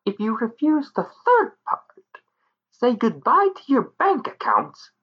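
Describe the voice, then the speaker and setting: A man voicing a small, bossy and scheming female pixie who taunts and threatens in a shrill voice. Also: huge pitch swings, unhurried, breathy edge, heavily acted. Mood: menacing. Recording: muffled lo-fi recording.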